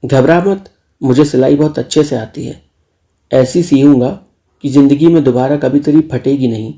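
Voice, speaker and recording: Man doing a gravelly teasing uncle. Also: medium pitch, normal speed, dark tone, natural voice. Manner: teasing, scolding. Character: teasing bossy middle-aged uncle.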